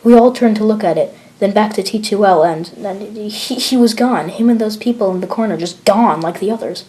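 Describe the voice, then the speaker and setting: A woman voicing a worn-out male soldier stranded for weeks, reporting in a hushed, tired way, in an amateur read-aloud of a horror log. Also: medium pitch, a little fast, close to an everyday voice, low-quality recording. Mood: weary.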